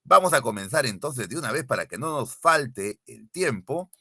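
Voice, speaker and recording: A man's voice: mid-range voice, animated, moderate pace, sharp tone, husky, no echo, clean studio sound. A male teacher giving an online exam-prep class, repeating key definitions and quizzing his students directly. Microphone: computer mic, screen sharing.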